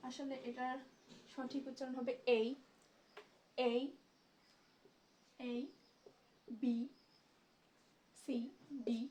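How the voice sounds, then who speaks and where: A woman teaching a spoken English class, slowly saying each letter of the alphabet with many pauses and fillers. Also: sits high, a little mellow. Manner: slow, deliberate, hesitant with fillers, spells out letters one by one.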